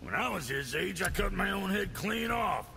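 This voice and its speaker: An actor playing a boastful, crude-humored blacksmith dwarf in a video game, brash and jokey. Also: male voice, high voice, big pitch swings, normal speed, vocal fry, very noisy, full character voice.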